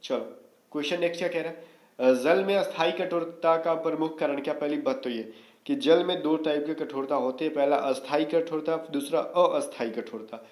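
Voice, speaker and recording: A man's voice: a little high, normal speed, darkish tone, roomy sound. A man teaching an exam-prep lesson in a casual coaching manner, often checking in with his students. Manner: casual coaching, frequent "theek hai" check-ins.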